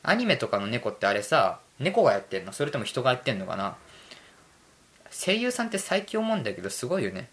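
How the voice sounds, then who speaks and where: A man's voice: mid-range voice, big pitch swings, fast, a bit bright. Rambling self-mocking male podcaster. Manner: rambling, self-mocking, drifts between topics. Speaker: podcast host. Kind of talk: casual solo podcast chat.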